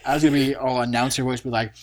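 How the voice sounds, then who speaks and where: A man's voice: medium pitch, little pitch movement, rapid-fire. A man co-hosting a storytelling podcast, rambling through his thought process with lots of filler words. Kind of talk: casual chat.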